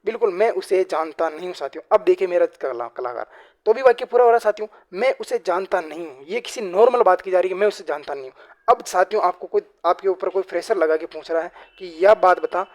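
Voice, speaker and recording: A man with a high voice teaches grammar for an exam class. He keeps asking a question and answering it himself, and drops the same address to his viewers into almost every phrase. He speaks slowly when he reads out example sentences. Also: darkish tone. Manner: repeats "साथियों" and "बिल्कुल" constantly; slows down to read example sentences aloud. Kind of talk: exam-prep grammar lesson.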